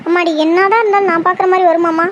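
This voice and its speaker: A woman's voice: extremely high pitch, level tone, racing, muffled recording, a little hiss or hum. A woman voicing a fretful, doting middle-aged mother who pleads emotionally in a cartoon. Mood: pleading.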